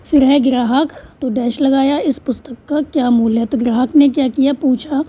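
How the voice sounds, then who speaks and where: A woman's voice: sits high, steady tone, moderate pace, slightly rough. A woman teaching, patiently explaining a school textbook exercise step by step and answering her own questions. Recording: dull lo-fi recording.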